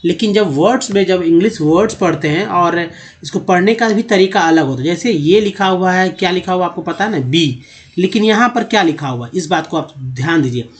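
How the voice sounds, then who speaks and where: A man's voice: high-pitched, a little fast. A man, teaching a spoken English lesson for his channel. He explains step by step, repeats himself and checks in with the viewer.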